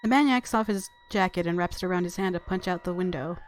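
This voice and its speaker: Talking fast in a fairly low voice, a female let's play YouTuber reads visual novel text aloud over game music. Her commentary is casual, playful, and full of giggles.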